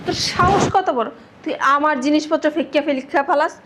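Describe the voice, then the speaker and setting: An actress plays a bullying young wife in a drama. Her voice sits high and she shouts insults scornfully. A faint background noise runs under the scene. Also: quick pace, lightly acted. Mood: furious. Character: spiteful shrill young wife, bullying her mother-in-law.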